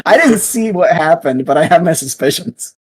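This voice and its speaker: A man's voice: a little high, animated, normal speed, slightly rough, dry recording. A young adult man co-hosting a gaming podcast over voice chat, joking, swearing freely and laughing often. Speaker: podcast co-host. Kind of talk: casual chat. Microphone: online voice chat.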